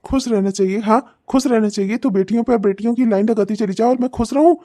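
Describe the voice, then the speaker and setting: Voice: mid-range voice, fast talker, natural voice. A voice actor playing an abusive, short-tempered husband and father in a cartoon, hurling insults and threats. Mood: bitter. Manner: shouting insults, snarling and threatening. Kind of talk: cartoon comedy voice acting.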